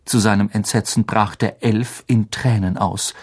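A man narrating a storybook in a calm, scripted reading. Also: on the low side, measured pace, husky. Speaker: audiobook narrator.

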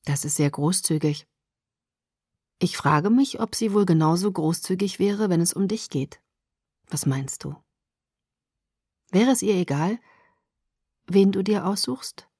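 A woman voicing a calm, secretive teenage boy in an audiobook, speaking softly and in a measured way. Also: fairly low pitch, slightly rough, dry recording, clean studio sound, heavily acted. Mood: probing. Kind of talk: audiobook dialogue.

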